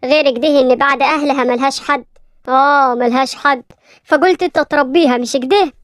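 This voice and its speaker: A woman doing a kindly Egyptian father who comforts a little girl and scolds his son firmly. The voice is high and quick, close and dry, in a cartoon storybook. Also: no echo, natural voice. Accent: Egyptian Arabic. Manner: soothing, affectionate. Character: kind wealthy father, gentle and firm.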